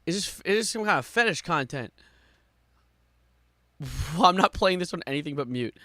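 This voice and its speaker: A man doing live stream reaction commentary with exasperated, sarcastic complaining, moving between muttering and louder outbursts. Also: a little high, animated, normal speed, no echo, clean studio sound.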